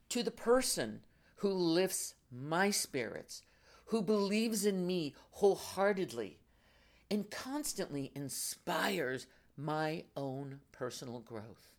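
An older woman hosting a motivational podcast in deliberate, emphatic phrases that swell and fall away dramatically. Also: on the low side, sing-song. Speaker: motivational podcast host and coach.

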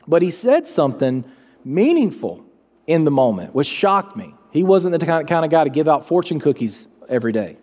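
A middle-aged man preaching a sermon as pastor, telling a personal story in an earnest, animated way. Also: fairly high pitch, normal speed. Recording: long reverb of a large hall.

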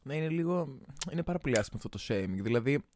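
A young Greek man co-hosting a casual chat, animated and laughing, slipping playfully into other languages. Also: mid-range voice. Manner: animated, laughing, jumps into playful English and Spanish.

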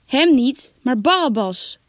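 A woman voicing an angry crowd, shouting demands. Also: high-pitched, expressive, takes it slowly, no echo, studio quality.

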